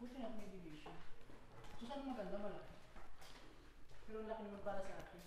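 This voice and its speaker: A woman's voice: mid-range voice, quick pace, noisy background. A woman making casual remarks from off camera during a tour. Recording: echoey room, off mic.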